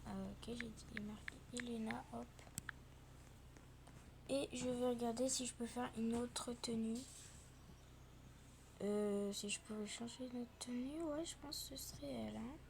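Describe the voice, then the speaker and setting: A young female video creator chatting casually while playing a game, speaking softly and often half-whispering, with many fillers. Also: on the high side, steady tone, measured pace, creaky, pauses often, noisy background. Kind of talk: casual gameplay chat.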